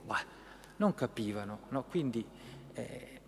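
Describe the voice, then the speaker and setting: A man preaching a sermon on a Gospel passage, slow and emphatic, asking his listeners "no?" as he goes. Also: medium pitch, lively intonation, darkish tone, big-room sound, slight background noise. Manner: slow, emphatic, with rhetorical "no?" tags.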